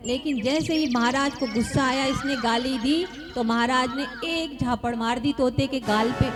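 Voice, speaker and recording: A woman telling a moral story to students at an ashram camp, often asking her listeners questions and repeating the answers. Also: high-pitched. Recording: music playing behind the voice.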